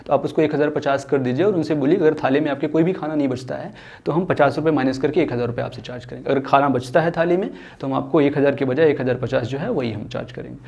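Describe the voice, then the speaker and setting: A man's voice: on the high side, creaky, a little mellow, dull audio. Earnest man speaking for a cause. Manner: earnest, mixes English phrases into his talk, restarts often. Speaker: foundation speaker. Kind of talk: earnest social-cause talk.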